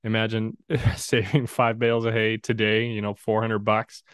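A man's voice: lowish voice, little pitch movement, normal speed, clean tone, no room sound, studio quality. A man chatting casually as an interviewer. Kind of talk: casual chat.

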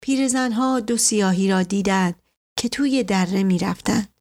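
A woman narrating a story aloud in a steady, even storytelling delivery. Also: mid-range voice.

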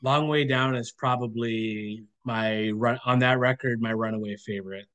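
A man appearing as a guest on a relaxed podcast, with a voice of ordinary middle pitch for a man. He feels his way through each thought, pausing on frequent "um"s and easing into his points. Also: smooth. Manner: hesitant, thinks aloud with frequent "um"s. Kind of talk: casual podcast chat.

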